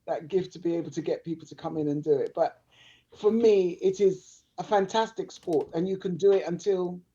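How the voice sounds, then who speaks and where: A woman's voice: lowish voice, moderate pace, warm tone. A woman guest, a sumo wrestler, talking candidly and emphatically on a video call, repeating her points. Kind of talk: interview chat. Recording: dull lo-fi audio.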